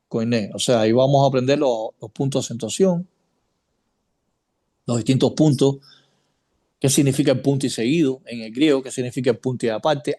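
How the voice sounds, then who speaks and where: A man's voice: medium pitch, a little mellow. A man teaching an informal Bible study class, chatty, asking his students questions and repeating points as he goes. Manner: chatty, checks in with students by name, repeats himself.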